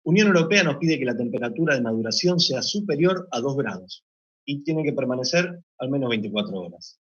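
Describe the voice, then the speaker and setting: Husky man giving a technical talk. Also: mid-range voice, animated, a bit bright. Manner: measured, explanatory, occasional hesitations. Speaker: meat plant deputy manager presenting. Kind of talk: technical conference presentation. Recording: dull lo-fi recording.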